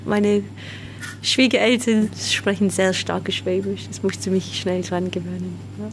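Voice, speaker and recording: A woman's voice: medium pitch, level tone, a little slow, slight background noise. A woman in her forties from England, a native English speaker, talking casually in German and laughing often as she is interviewed. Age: 40s.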